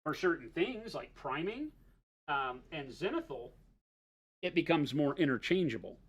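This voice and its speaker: A man with a slightly high, husky, expressive voice talks through model painting techniques on a relaxed livestream. He speaks unhurriedly, using fillers and restarts and frequently asking "right?".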